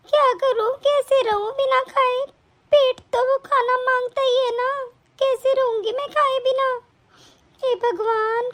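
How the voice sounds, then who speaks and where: A woman voicing a frail, hungry elderly grandmother in an animated story, speaking slowly, with a tearful, trembling voice, pleading with family and calling on God. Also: very high-pitched. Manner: slow, pleading, calls on God.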